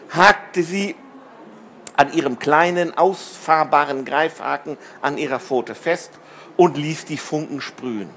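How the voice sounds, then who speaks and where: A man reading a children's story aloud in an expressive, measured way. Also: a little high, slight background noise. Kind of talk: scripted narration of a children's story.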